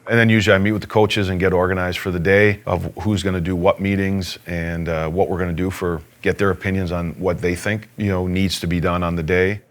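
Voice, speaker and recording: A man, a hockey coach, giving a measured, even sit-down interview about how he works. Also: low-pitched. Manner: measured and even, explaining his routine.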